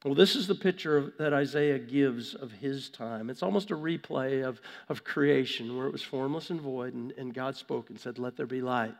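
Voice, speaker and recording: A man preaching conversationally with a gravelly voice affected by a cold, halting and repeating words as he stresses his points. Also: mid-range voice. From Vancouver, Canada. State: has a cold. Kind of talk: conversational sermon. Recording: long hall reverb.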